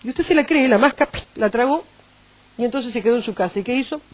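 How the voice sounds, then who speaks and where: Woman, Uruguayan Spanish accent, sermon, animated, higher voice, dry sound. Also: fast talker, no room sound. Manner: animated preaching, acting out quoted voices. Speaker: preacher.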